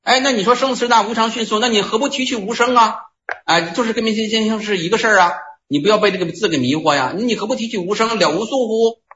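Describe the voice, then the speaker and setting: A man putting on a high, exclaiming old Zen master. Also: fast talker, bright, forceful tone, echoey room, dull audio. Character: old male Zen patriarch, lively and approving.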